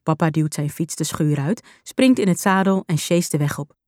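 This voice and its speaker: A woman narrating a children's storybook in a gentle, measured way. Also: low-pitched, dry recording, studio quality. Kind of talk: storybook reading.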